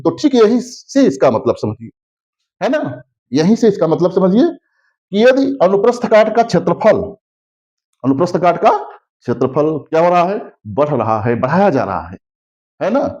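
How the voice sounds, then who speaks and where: Male teacher, Hindi accent, high voice, very lively pitch, repeated tag questions, slightly muffled recording. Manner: repetitive, constantly asks "है ना?" checking understanding; slows down to spell out key terms. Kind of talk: classroom physics lesson. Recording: slightly dull lo-fi audio.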